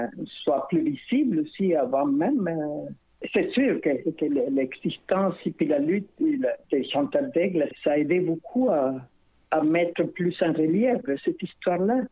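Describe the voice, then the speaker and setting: A woman's voice: low-pitched, slightly rough, no echo. A middle-aged woman with a foreign accent, a singer-songwriter talking casually as a radio guest, rambling with many hesitations. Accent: foreign accent in French. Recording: tinny phone-line sound.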